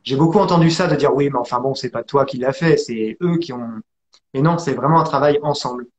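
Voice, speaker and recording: A man from France telling his story as an interview guest, hesitant with many pauses and restarts. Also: medium pitch, lo-fi sound. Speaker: interview guest, acrobat and actor.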